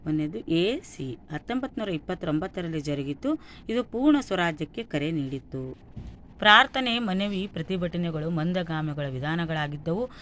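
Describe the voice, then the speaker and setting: A woman from North Karnataka, judging by her accent, goes through exam questions and answers item by item in a teacherly, instructional way. She speaks at a moderate pace in a voice that is on the low side yet fairly bright, with lively intonation and a little hiss or hum.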